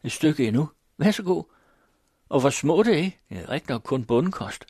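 A fussing old country widow bustles about her guest in a raised, lifted voice, as a male reader puts her on. Her tone is husky and close, and grief sits under her hurried hospitality. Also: on the high side, very animated, dark tone, no room sound, pitched above the performer's own voice, heavily acted. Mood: fussing hospitable. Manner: fussing, eager, tearful. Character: grieving old peasant mother, hospitable and fretful.

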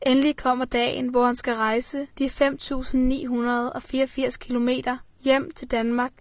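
A woman reading scripted documentary narration in an even, measured way. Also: high voice, no echo.

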